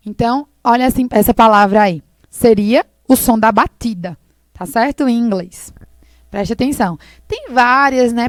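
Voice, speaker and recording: A woman English teacher explaining slowly and patiently, repeating words for her students in a recorded lesson. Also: a little high, no echo.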